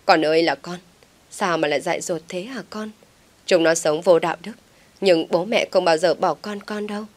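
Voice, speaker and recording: A protective village mother cries out and presses for an answer, with a woman reading her. The voice leans low. It is part of a single-narrator audiobook drama. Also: moderate pace, lightly acted. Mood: wailing. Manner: wailing, demanding. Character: wailing middle-aged mother, protective, pushy.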